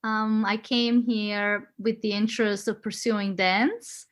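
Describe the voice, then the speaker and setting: This friendly Swiss guest in her forties, raised on Swiss German and German, talks slowly in a mid-range, level voice during a casual interview. She laughs a lot and occasionally searches for the right word.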